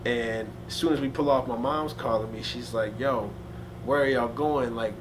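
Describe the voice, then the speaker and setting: A young man chatting in a loose, slangy way, telling stories about his family. His voice sits mid-range. There is a clear layer of noise behind him. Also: mid-range voice, normal speed. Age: young adult. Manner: laid-back, animated when telling stories, slangy. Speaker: hip hop artist, interview guest. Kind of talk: casual storytelling. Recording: noisy ambience.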